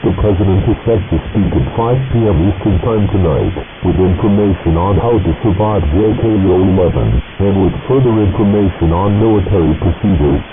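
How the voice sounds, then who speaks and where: Deep-voiced male announcer for an emergency broadcast cutting in over programming, tinny, hissy signal. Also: fairly quick, long pauses. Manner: formal, even, official reading. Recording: tinny noisy broadcast audio.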